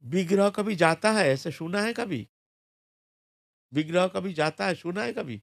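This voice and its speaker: A man voicing a playful, calm divine boy-god. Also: high voice, a little slow, creaky, pitched above the performer's own voice, exaggerated voice. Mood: teasing. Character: gentle, playful deity statue of young Krishna.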